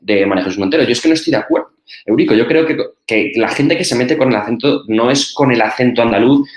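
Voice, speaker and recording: Man, co-host, insistent, repeats himself, rapid speech, roomy echo. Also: mid-range voice. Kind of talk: political commentary talk show.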